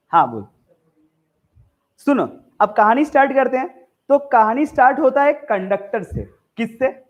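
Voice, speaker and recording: A man with a very high voice teaches a live physics class. He is chatty and jokey, keeps throwing questions at the students, and the sound is thin and tinny, as if over a phone line. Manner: chatty, joking, quizzes the class.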